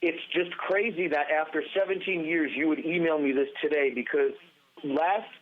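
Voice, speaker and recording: A man telling a long story as a podcast guest, animated and rambling, restarting his sentences often. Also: on the high side, moderate pace. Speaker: podcast guest, former band guitarist. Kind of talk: casual storytelling interview. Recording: tinny phone-line sound.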